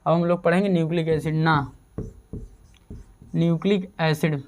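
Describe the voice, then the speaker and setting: A man's voice: on the high side, fairly even intonation, normal speed. A man giving a casual exam-prep chemistry lecture, repeating terms and asking and answering his own questions. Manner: repetitive drilling, asks and answers own questions. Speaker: chemistry teacher.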